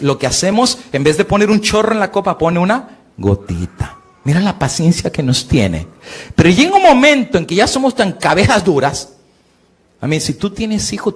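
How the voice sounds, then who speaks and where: A middle-aged man preaching a sermon, his voice slightly husky. He swings between loud, high-pitched peaks and low, quiet lines, and he asks his listeners questions before answering them himself. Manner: preaching with sweeping rises and drops in pitch and volume. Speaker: pastor.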